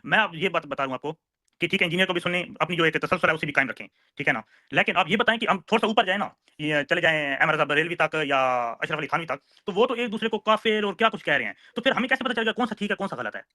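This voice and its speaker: Young guy in his 20s arguing fast, high bright voice, keeps cutting in. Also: lively intonation, no echo. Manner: insistent, keeps asking to be heard. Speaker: student caller in a debate. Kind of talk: heated online debate.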